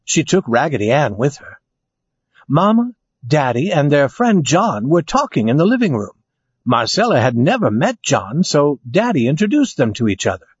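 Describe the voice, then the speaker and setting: A man reading a children's storybook aloud, with a husky edge to his voice and a lively, rising and falling tone. His voice sits a little high for a man. The recording is dry and dull, with a lo-fi sound. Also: normal speed, no echo. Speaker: narrator.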